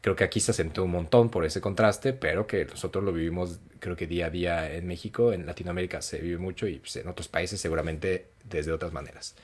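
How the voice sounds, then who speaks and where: A man from Mexico with a Mexican Spanish accent, chatting casually and telling stories with lively quoted voices. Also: fairly quick, hardly any pauses, breathy edge. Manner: animated storyteller, jumps to high acted voices for quotes; colloquial, many fillers. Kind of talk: casual chat.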